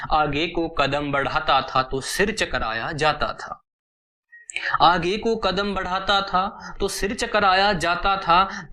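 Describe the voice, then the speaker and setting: A man reciting a long rhyming poem in a measured, rhythmic way, repeating each couplet twice. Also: fairly high pitch, sharp tone. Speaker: poetry reciter. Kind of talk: slow poetry recitation.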